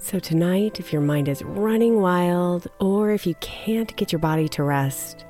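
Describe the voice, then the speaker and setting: A woman hosting and guiding a sleep meditation, speaking softly and soothingly, sometimes in a breathy whisper. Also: sits low. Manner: slow, soft and soothing, drifting into a breathy whisper. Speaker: meditation guide and host.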